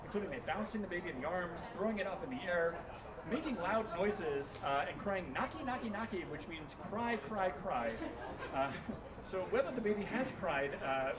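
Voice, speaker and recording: A man's voice: sits high, animated, moderate pace, a loud crowd. A man hosting a live evening event, presenting in a lighthearted, wry way before introducing the next speaker. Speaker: event host. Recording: roomy, distant, noisy live venue.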